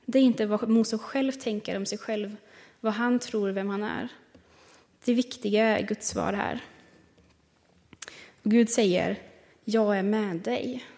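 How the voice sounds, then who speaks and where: Woman preacher, mid-pitched, thoughtful sermon delivery, big echoing church hall. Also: steady tone, vocal fry, darkish tone. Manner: reflective, slows down to stress single words. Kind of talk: sermon with Bible reading. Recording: long reverb of a large hall.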